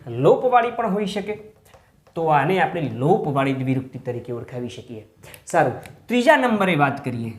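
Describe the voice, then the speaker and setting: A male teacher's grammar lesson, delivered at a moderate pace in a reverberant space: his voice is a little high with big pitch swings. He calls his audience friends, answers questions he asks himself, and lingers on key words.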